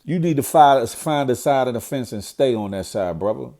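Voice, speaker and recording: Speaking at normal speed in a mellow, mid-range voice, a middle-aged vlogger sounds animated and nasal, as though congested with a cold. His monologue on current events is blunt and preachy, and he repeats himself when he's fired up.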